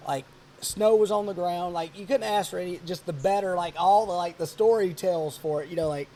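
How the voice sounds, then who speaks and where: A man around forty hosting a podcast, telling a hunting story in a rambling, animated way. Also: high-pitched, brisk. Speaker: podcast host. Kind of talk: casual chat.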